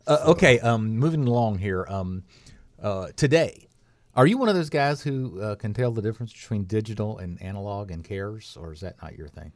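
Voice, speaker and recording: A man's voice: fairly low pitch, expressive, moderate pace, no echo. A male interview host who asks long, rambling questions full of fillers and restarts. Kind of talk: conversational interview.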